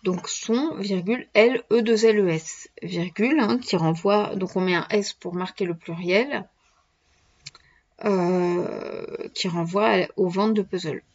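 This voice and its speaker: A woman's voice: mid-range voice, slow pace, darkish tone, muffled recording. A woman teacher giving a dictation, spelling words letter by letter and patiently explaining grammar as she goes. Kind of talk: dictation lesson.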